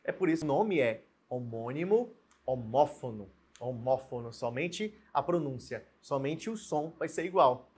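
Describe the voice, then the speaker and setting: Husky Brazilian male teacher. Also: medium pitch, lively intonation, a little mellow. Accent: Brazilian Portuguese. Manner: explains slowly, repeats key points, asks learners questions. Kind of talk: video grammar lesson.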